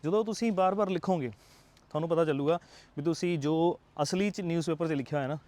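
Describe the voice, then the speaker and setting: Earnest Punjabi-accented man, higher voice. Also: fast, darkish tone. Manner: earnest, coaxing, checks in with rhetorical tags. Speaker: IELTS tutor. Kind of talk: motivational talk to camera.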